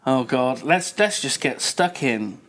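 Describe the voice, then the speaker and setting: A man's voice: mid-range voice, expressive, takes it slowly, fairly bright tone. A young man co-hosting a casual let's-play, reading game text aloud and trading wry jokes. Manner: wry, jokey banter.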